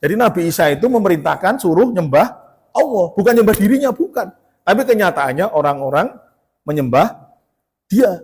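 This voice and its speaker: A preacher with a high, sing-song, somewhat dark voice delivers a sermon fairly quickly. He tells stories with quoted dialogue and builds to emphatic peaks. A long hall reverb surrounds the recording.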